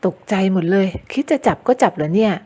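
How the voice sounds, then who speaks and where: A woman's voice: mid-range voice, expressive, quick pace, dark tone, breathy edge. Woman voicing young woman, anxious, polite, plaintive; audio novel. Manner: plaintive, polite ending particles. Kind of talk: audiobook character voice.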